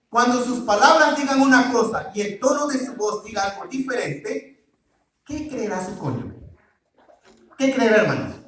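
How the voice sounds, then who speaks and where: A man's voice: high voice, fairly bright tone. Man preaching in an echoey hall. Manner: quizzes the congregation, call-and-response. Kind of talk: church sermon on marriage. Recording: very echoey hall, mic far off.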